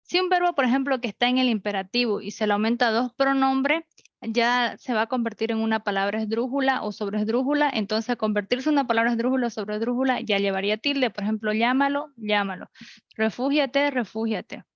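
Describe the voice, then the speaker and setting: A woman's voice: fairly high pitch, fairly quick, dry recording, dull audio. A woman teaching an online class, explaining rules step by step with examples. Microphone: computer mic.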